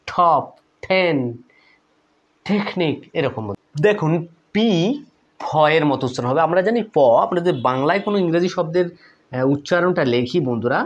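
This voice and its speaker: A man with a Bangladeshi Bengali accent gives an English pronunciation lesson in a slightly high voice. He repeats each example word again and again with heavy stress and asks the viewer questions.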